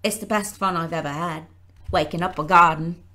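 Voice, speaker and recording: A woman's voice: on the low side, steady tone, normal speed, pushed and bright. Woman doing a cheerful, friendly country boy.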